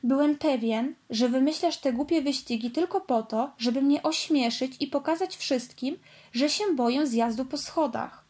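A woman's voice: high-pitched, moderate pace, a little mellow, natural voice. A woman voicing a grumpy young boy race car in a storybook, sulky and complaining. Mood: earnest. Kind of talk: storybook read-aloud.

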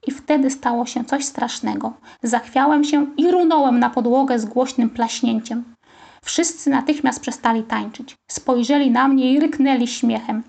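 Woman reading a children's story. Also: fairly high pitch. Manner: lively, expressive. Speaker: audiobook reader.

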